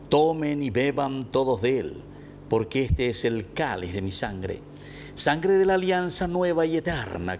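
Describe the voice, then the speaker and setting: A middle-aged man with a Paraguayan Spanish accent leads Mass in a small indoor chapel, his mid-range voice steady and ceremonial. He stretches out key phrases with solemn weight. A faint background hiss sits under the recording. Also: mid-range voice. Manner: solemn, measured, drawn-out phrasing. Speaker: priest. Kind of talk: liturgical recitation at Mass. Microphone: fixed camera at the altar.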